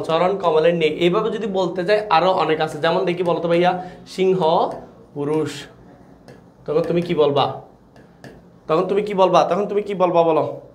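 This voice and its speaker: A young man teaching a live online grammar class, quick and chatty, repeating questions to his students. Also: on the high side. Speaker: online tutor.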